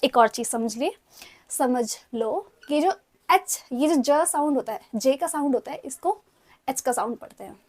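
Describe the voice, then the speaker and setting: A woman's voice: high-pitched, expressive, moderate pace, darkish tone. A young Indian woman with an Indian accent, teaching a casual online language lesson, chatty and mixing Hindi with English as she coaxes students to repeat words.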